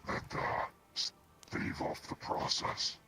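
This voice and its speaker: Man, very low gravelly voice, crisp forceful edge, slow rambling delivery, faint music behind. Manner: slow, rambling, with filler pauses. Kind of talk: casual explaining of myths.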